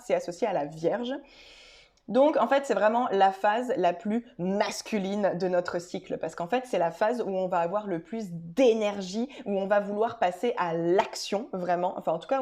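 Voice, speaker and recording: A woman vlogger speaking straight to her audience in a loose, informal way. Her talk is full of filler sounds, restarts and little detours as she explains at a medium pitch. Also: a little mellow. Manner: chatty, many filler hesitations and restarts; addresses viewers directly and informally. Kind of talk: casual explanatory video talk.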